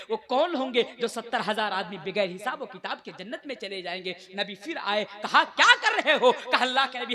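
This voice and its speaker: High, bright-voiced young male preacher. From India. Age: 20s. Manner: impassioned, high-pitched declamation with call-and-response to the crowd. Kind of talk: sermon. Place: live religious gathering.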